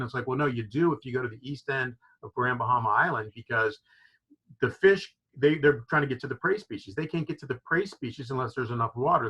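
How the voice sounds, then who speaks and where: A Florida man who owns a fishing lodge joins as a guest over a video call microphone, explaining things enthusiastically with lots of "you know" fillers. His medium-pitched voice is fairly bright and slightly rough, and the sound is lo-fi.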